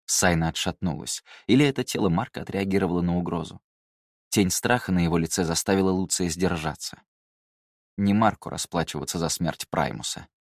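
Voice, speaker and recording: Male audiobook reader, very low voice, dry close recording, measured delivery. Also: no room sound. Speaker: audiobook narrator. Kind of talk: scripted narration.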